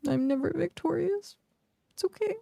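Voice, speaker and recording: Young woman, game streamer, rambling casual chat, gravelly, dry close sound. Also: very high voice, normal speed, warm tone, no room sound. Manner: rambling, chatty, heavy use of "like". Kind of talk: casual live-stream chat while gaming.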